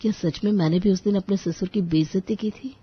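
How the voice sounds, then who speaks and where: A woman voicing a hot-tempered young married man who is protective of his father and quick to raise his voice. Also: medium pitch, husky, lo-fi sound, natural voice. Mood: troubled. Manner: indignant, raises voice.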